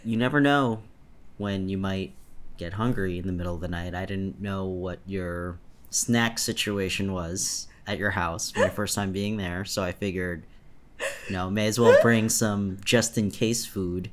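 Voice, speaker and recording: A man's voice: low voice, fairly even intonation, a little slow. A man co-hosting a casual chat, easygoing and laughing as he explains himself. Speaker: podcast co-host.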